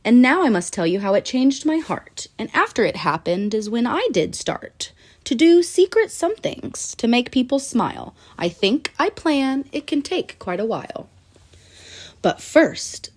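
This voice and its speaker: With a voice on the high side, a woman reads a rhyming children's picture book aloud. Her storytelling is animated and sing-song, with deliberate pauses.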